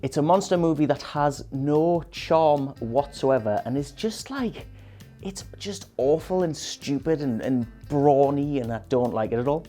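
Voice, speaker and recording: A man's voice: on the high side, a little slow, warm tone, soft background music. A man, a panelist in a casual chat, dry and sardonic.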